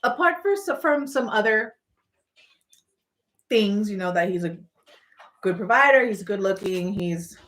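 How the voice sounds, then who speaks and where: A woman hosting a casual livestream, telling personal stories in an animated, playful, rambling way with emphatic points. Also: mid-range voice, unhurried, pauses often. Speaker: livestream host.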